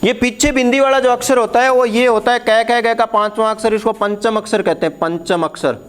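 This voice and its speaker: A man's voice: very high-pitched, little pitch movement, a little fast, a bit bright, slight background noise. A man teaching Hindi letters at a board, explaining patiently, repeating key words and putting questions to the class.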